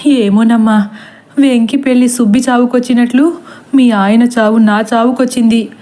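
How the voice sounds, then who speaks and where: A woman's voice: fairly high pitch, fairly even intonation, normal speed, mellow, lightly acted. Woman voicing a timid, fretful middle-aged man. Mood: fearful. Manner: stammering, fretful.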